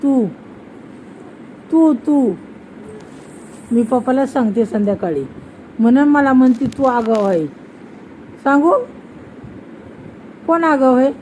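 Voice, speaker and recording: A young mother, coaxing her toddler in a slow, sing-song voice and repeating her questions. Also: sits high, darkish tone, a little hiss or hum, poor audio. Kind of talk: casual coaxing chat with a small child.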